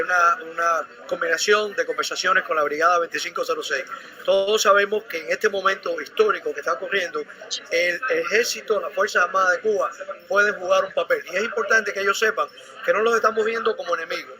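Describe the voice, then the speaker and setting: A man's voice: high-pitched, pushed and bright, rough recording. A man speaking earnestly to reporters in a played news clip, repeating phrases for emphasis. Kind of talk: speaking to press. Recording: news clip with crowd noise.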